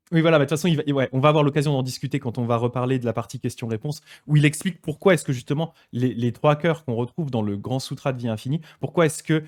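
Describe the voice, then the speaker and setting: A man leading a casual live-streamed study session as a Buddhist teacher. He talks in a relaxed, explanatory way with frequent hesitations, and he reads passages aloud slowly before commenting on them. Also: mid-range voice.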